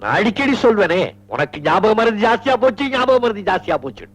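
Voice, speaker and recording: A man's voice: sits high, very animated, fast talker, low-quality recording. An actor playing an indulgent, teasing father of grown daughters, with playful, theatrical scolding in 1980s film dialogue.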